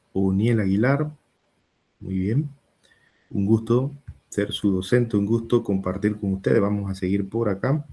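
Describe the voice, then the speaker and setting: Male teacher on a video call, deep and slow, husky, dark tone. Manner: slow, takes attendance, talks to students. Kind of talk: online class.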